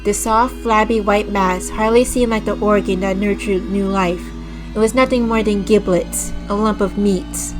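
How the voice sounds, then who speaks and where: This low-quality recording captures a woman streamer giving a slow, dramatic read-aloud of a visual novel in a slightly raspy, medium-pitched, steady voice at a moderate pace. She restarts over stumbles, clears her throat frequently, and turns to chat with casual, disgusted asides as music plays clearly in the background.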